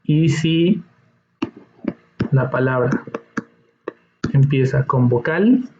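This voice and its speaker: In a dull, echoey room, a man with a medium-pitched voice teaches an English lesson, drawing out his words over some background noise. His slow classroom explanation walks patiently through each step as he checks in with his students.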